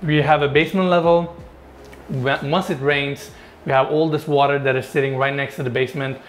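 A man's voice: mid-range voice, steady tone, a little fast, slight background noise. A man in his thirties hosting a casual home tour, enthusiastic and chatty as he talks straight to viewers, on a lapel mic indoors. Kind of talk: casual walkthrough narration. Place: large indoor house basement.

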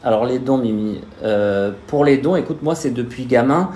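A man's voice: medium pitch, moderate pace, warm tone. A young man with a slushy lisp on his s, chatting casually as a live-stream host and reading out viewers' questions. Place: small indoor room. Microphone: phone at arm's length. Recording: echoey room sound.

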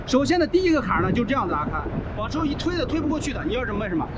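Very high-pitched, very animated, and very fast, a middle-aged trucker vlogger from China talks over a noisy crowd with the highs cut off. Wearing an action camera in an outdoor truck yard, he bluntly explains a truck repair step by step in casual commentary, swearing freely.

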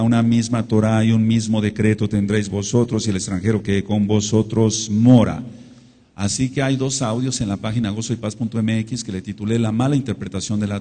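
A man's voice: fairly low pitch, warm tone. A man with a Mexican Spanish accent teaching a sermon-style Torah study, repeating phrases for emphasis and calling out amen and hallelujah. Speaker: congregation teacher. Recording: long hall reverb.

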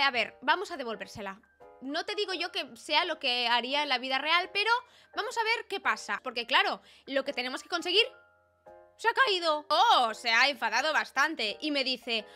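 A woman with a Peninsular Spanish accent chats her way through a let's-play, her voice high and bright as she exclaims over each choice. Faint music plays behind her. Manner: chatty and exclamatory, reading game choices aloud. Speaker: gaming video host. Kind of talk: casual let's-play commentary.

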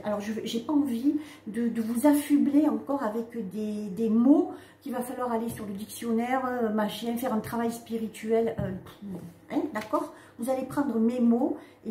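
Woman doing a chatty spiritual reading, slightly high mellow voice, keeps saying hein and d'accord, echoey room. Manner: chatty, many "hein" and "d'accord" tags, halting restarts. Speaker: spiritual medium giving a card reading. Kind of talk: casual spiritual talk to viewers. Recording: echoey room with faint ambient noise.

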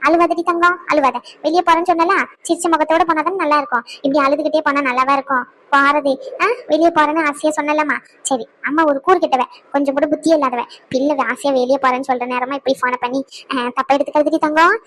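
A woman's voice: sits high, fairly even intonation, fast, fairly bright tone, slight background noise. A woman voicing an older cartoon mother, pleading and coaxing her tearful daughter over the phone. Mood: self-blaming. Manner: pleading, coaxing, scolds herself. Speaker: cartoon voice actor. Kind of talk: cartoon skit voice acting.

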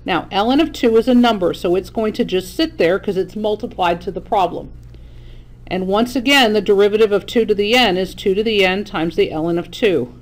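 A woman's voice: medium pitch, moderate pace. Woman math teacher lecturing a class. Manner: explains step by step, checks in with "okay?".

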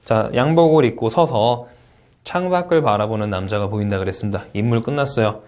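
Here a man with a lowish voice teaches a brisk test-prep review for TOEIC Speaking. Animated and teacherly, he peppers the lecture with "자" and rhetorical questions while reading English sample answers carefully aloud.

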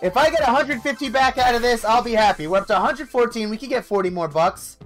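A man's voice: extremely high pitch, fast, a bit bright, soft background music. A young man giving casual live commentary on slot play, talking in short remarks. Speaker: slot streamer. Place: indoor streaming setup.

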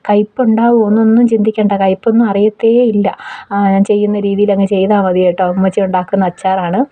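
A young woman narrates her home cooking in a quick, chatty voice-over, explaining every step and tossing in little tag questions to her viewers. Her voice sits at a middle pitch. The recording is dull and lo-fi, made outdoors. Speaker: cooking vlogger.

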